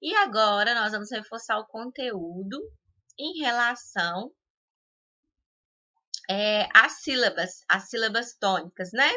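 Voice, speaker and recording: A woman with a Brazilian Portuguese accent teaches a school lesson at a slow, patient pace. Her voice is very bright and sharp, and she stretches out each example word. The recording is dull and lo-fi. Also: on the high side, animated. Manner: slow, patient explaining with drawn-out example words.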